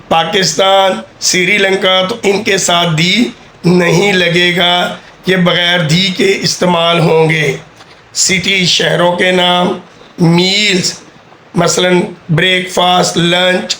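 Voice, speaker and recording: A man teaching an English grammar lesson, explaining slowly and patiently and repeating key words. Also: sits high, sharp tone. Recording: echoey room with faint background hum.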